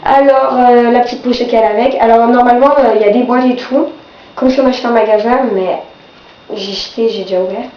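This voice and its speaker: A woman's voice: fairly high pitch, steady tone, a little fast. A young woman with a blocked-nose, sore-throat voice from a cold, casually reviewing products in a vlog. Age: teenager or young adult. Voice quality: congested, blocked-nose nasal voice. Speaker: beauty vlogger. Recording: dull, roomy, faint background noise.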